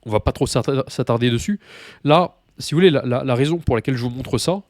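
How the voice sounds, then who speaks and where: A man gives an informal language lesson in a voice of ordinary pitch. He explains patiently, often pausing, restarting and repeating key points. The recording is dry and close, with no room sound. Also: darkish tone, dry recording. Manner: informal and repetitive, with many hesitations. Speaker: language teacher.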